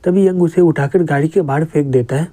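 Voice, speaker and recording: A man who explains comics, narrating a story in steady storytelling. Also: a little high, fairly quick.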